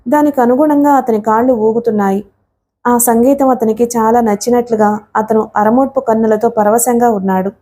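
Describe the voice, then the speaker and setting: A woman's voice: a little high, dark tone. A woman narrating a novel as a scripted audiobook reading.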